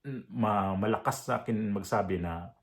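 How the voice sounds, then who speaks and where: Visayan-accented vlogger, blunt and proud. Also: male voice, on the low side, normal speed. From Visayas, Philippines. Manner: proud, blunt, with many fillers and restarts. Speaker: reaction vlogger. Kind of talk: casual commentary.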